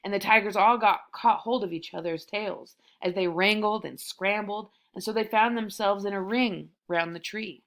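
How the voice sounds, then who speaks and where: A woman's voice: medium pitch, moderate pace, few pauses, fairly bright tone. A young woman reading a children's story aloud and breaking off for amused, chatty asides.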